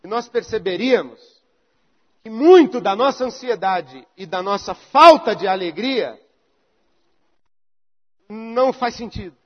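A man's voice: sits high, expressive, unhurried, long pauses, lo-fi sound. A pastor preaching a conversational sermon, acting out little dialogues to make his point.

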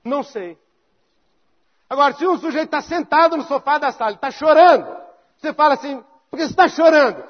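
A man's voice: extremely high pitch, quick pace, lo-fi sound. A pastor preaching a conversational sermon, acting out little dialogues to make his point.

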